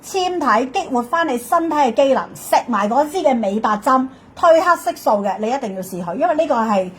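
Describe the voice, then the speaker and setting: A woman's voice: high voice, lively intonation, brisk, a little hiss or hum. A woman with a Hong Kong Cantonese accent hosting a live shopping stream as a hard-sell ad, emphatic and urging.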